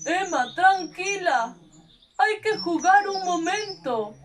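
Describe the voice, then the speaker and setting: A woman's voice: extremely high pitch, expressive, slow pace, heavily acted. A woman with a Peruvian accent voicing a kind, cheerful male pet in a children's puppet show, reassuring and patiently explaining. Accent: Peruvian Spanish. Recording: voice from a distance off the mic.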